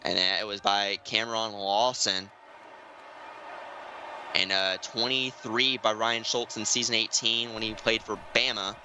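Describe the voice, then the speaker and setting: A man doing play-by-play commentary for an online football game, keeping his voice hushed and excited, climbing high and loud on big plays. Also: measured pace, noisy background. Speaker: play-by-play announcer. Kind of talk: sports commentary. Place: home room, streaming.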